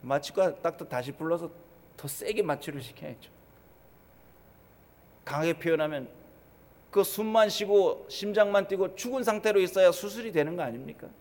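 A man preaching a sermon as pastor, swinging from loud exhortation to hushed, quiet asides. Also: high-pitched. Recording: church hall reverb.

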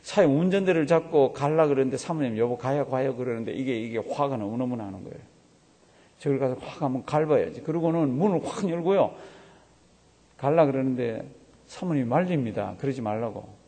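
A man's voice: medium pitch, animated, brisk, warm tone, breathy edge. A man preaching a sermon as a pastor, telling a story and acting out the voices of the people in it. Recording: long hall reverb.

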